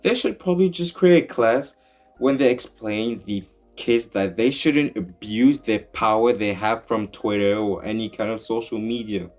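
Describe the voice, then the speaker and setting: A man's voice: on the low side, moderate pace, a little mellow, soft background music. A young man talking to camera in an earnest, opinionated way, rambling and restarting sentences as he argues his point. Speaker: YouTuber. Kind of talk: opinion commentary vlog.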